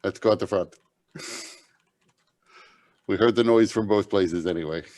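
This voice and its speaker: A man's voice: sits low, measured pace, darkish tone. A man speaking as a player in a tabletop game, casual and matter-of-fact. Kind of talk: casual tabletop play chat.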